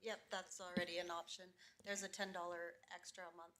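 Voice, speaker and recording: A woman with a lower voice gives short, matter-of-fact answers as town staff. Faint noise runs in the background of the council meeting. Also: level tone, fairly quick, fairly bright tone. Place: council chamber.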